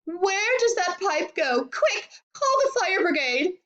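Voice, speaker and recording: A woman's voice: extremely high pitch, sing-song, fairly quick, vocal fry, warm tone, recorded from a distance, lo-fi sound, pitched above the performer's own voice, heavily acted. A woman voicing a hysterical, indignant middle-aged mother in a children's story, screaming and scolding frantically. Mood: frantic.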